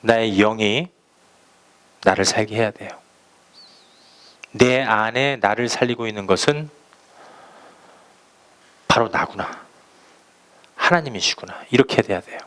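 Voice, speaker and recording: Korean pastor preaching with emphasis. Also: male voice, lowish voice, a bit bright. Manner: emphatic preaching, slow deliberate phrasing, acting out anecdotes. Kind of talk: sermon.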